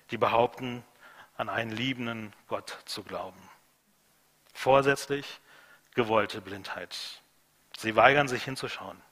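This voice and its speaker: A man preaching a sermon, emphatic, repeating key phrases and swinging between loud and hushed delivery. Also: medium pitch, in a large hall.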